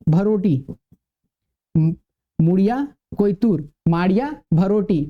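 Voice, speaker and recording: A man's voice: sits high, animated, slow. Male tutor, repetitive question-and-answer lecture, dull lo-fi recording. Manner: asks the class questions and answers them himself, repeats key words. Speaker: teacher. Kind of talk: classroom lecture.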